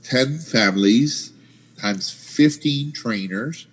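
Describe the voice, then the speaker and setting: A man's voice: medium pitch, takes it slowly, husky, poor audio. A man hosting a podcast on a headset mic from home, rambling enthusiastically in casual chat. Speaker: podcast host. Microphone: headset microphone.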